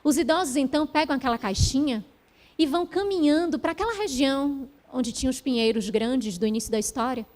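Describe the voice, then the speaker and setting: A middle-aged woman gives a heartfelt spiritual talk in a gentle, fairly high voice. She tells her story unhurriedly, pausing between phrases. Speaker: spiritual speaker.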